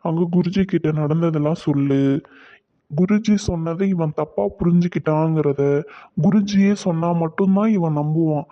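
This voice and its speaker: A steady, reassuring cartoon father who speaks in a calm, slightly raised voice. A man acts him out. The audio sounds dull and lo-fi. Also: on the high side, natural voice. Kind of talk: cartoon voice acting.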